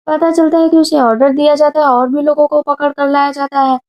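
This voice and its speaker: High-voiced woman recapping a film. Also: little pitch movement, a little mellow, lo-fi sound, faint music behind. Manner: retells scenes briskly, reading characters' lines in her own voice. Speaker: movie recap narrator. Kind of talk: casual plot-retelling narration.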